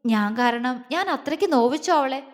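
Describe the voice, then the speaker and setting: A woman voicing a tender, teasing young husband who is injured, speaking softly and coaxingly. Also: high voice, expressive, normal speed, in a large hall. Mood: worried.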